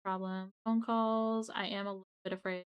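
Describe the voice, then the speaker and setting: A woman's voice: medium pitch, little pitch movement, moderate pace, clear, resonant tone, highs cut off. Chatty young woman streaming late at night. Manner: rambling and chatty, with frequent restarts and asides to chat. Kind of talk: casual livestream chat.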